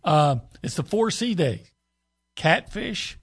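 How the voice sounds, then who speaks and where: A man's voice: high-pitched, very animated, slow pace, breathy edge. A man co-hosting a sports radio show from a studio, chatting in an enthusiastic, folksy way. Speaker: radio co-host. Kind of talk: casual sports radio chat. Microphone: studio mic.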